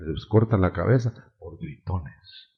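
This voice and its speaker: A male preacher giving a lively, humorous sermon and acting out the quotes he tells. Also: low voice, a little slow, highs cut off. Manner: animated, humorous, acts out quotes.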